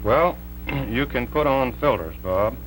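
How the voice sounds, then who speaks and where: Engineer in a 1950s TV broadcast. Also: male voice, mid-range voice, lively intonation, a bit bright, a little hiss or hum, low-quality recording. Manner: measured, plain technical explaining. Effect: 1950s TV broadcast sound. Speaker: electrical engineer demonstrating TV interference. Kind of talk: explanatory on-air demonstration.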